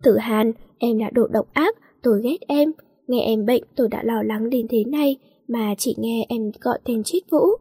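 A woman's voice: a little high, moderate pace, mellow, husky. A woman voicing a heartbroken young man in a storybook reading, pleading and bitter by turns.

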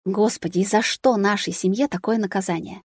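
A woman's voice: medium pitch, a little fast, darkish tone, husky, no room sound, clean studio sound, close to an everyday voice. A woman reading an audiobook, voicing a dramatic, tearful middle-aged mother who exclaims in offense. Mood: plaintive, indignant. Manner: exclaiming, plaintive.

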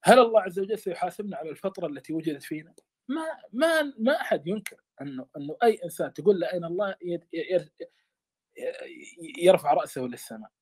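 A man's voice: high-pitched, expressive, fast, husky. A man teaching a study lesson on a classical text, speaking with passion and often stammering and repeating words.

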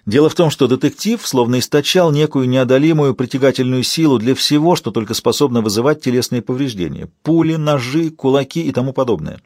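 A man narrating an audiobook in a steady, wry storytelling manner. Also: mid-range voice, fairly quick, few pauses, no room sound, studio quality.

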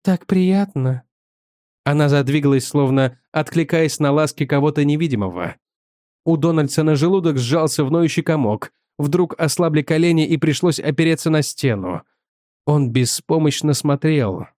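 A male narrator reads a short story in a measured, dramatic way. His voice sits somewhat high for a man. The recording is dry and close, with no room sound. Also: a little mellow, no echo. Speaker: audiobook narrator. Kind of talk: scripted narration.

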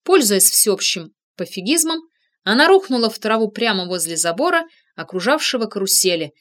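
A woman narrating a humorous novel as an audiobook, lively and expressive. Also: medium pitch.

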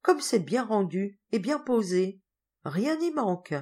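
A woman's voice: mid-range voice, big pitch swings, measured pace, a little mellow, voice pushed up. A woman doing a stern, formal uncle. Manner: formal, reproving. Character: stern middle-aged uncle, formal and reproving.

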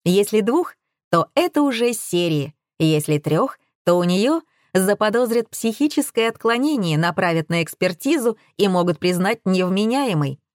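A woman's voice: mid-range voice, expressive, normal speed, a little mellow, no echo, clean studio sound, close to an everyday voice. A woman voicing a brash, scheming woman who lectures everyone with full self-assurance. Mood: lecturing. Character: brash scheming woman, shrill and sure of herself.

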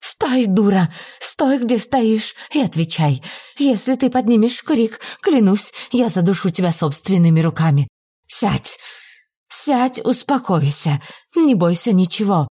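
A woman's voice: medium pitch, animated, measured pace, mellow, no room sound, clean studio sound. A woman voicing an imperious, cruel foreign noblewoman who speaks haughtily and turns frenzied and threatening. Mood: furious, frantic.

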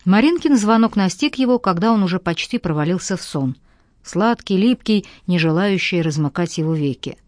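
Low-voiced woman reading an audiobook. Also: animated, normal speed, a little mellow, no room sound, studio quality. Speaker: audiobook narrator. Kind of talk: scripted narration.

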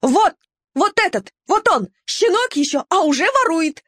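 A woman's voice: extremely high pitch, big pitch swings, a little slow, fairly bright tone, no echo, studio quality, pitched above the performer's own voice, exaggerated voice. Woman doing a yappy little mongrel. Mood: yapping. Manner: yapping, tattling. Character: yapping fawning little female mongrel.

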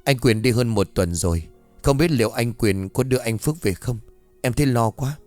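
A man's voice: medium pitch, animated, fairly quick, darkish tone, no room sound, faint music behind, natural voice. A man voicing a worried young wife who anxiously asks about her husband. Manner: worried, pleading.

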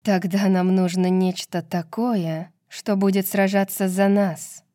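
A woman voicing a fierce, sharp-tongued young woman fighter with a curt, mocking manner. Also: mid-range voice, fairly even intonation, slow, dry recording, studio quality, natural voice.

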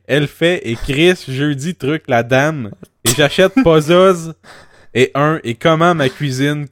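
A man's voice: mid-range voice, no echo, studio quality. A young man with a Quebec French accent chatting casually on a podcast, rambling and swearing casually, often putting himself down. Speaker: podcast co-host. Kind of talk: casual chat.

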